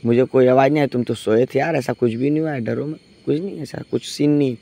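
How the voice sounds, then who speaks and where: A man voicing an older male machine operator who calmly reassures a scared young worker. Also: medium pitch, fast talker, creaky, close to an everyday voice. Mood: reassuring.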